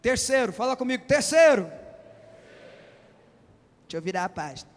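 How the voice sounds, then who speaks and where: Man, bishop, impassioned sermon, very high voice, long hall reverb. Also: very animated, moderate pace. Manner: impassioned preaching, often shouting. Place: church hall.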